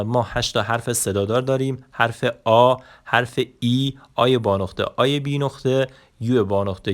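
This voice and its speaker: A man teaching an online language lesson, explaining slowly with many hesitation sounds. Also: mid-range voice.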